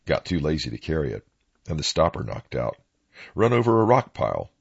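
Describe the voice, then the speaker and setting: Deep, gravelly Appalachian man telling stories. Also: very animated, brisk, muffled recording. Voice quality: gravelly, raspy. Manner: plain-spoken rural dialect. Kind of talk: folksy first-person oral-history storytelling.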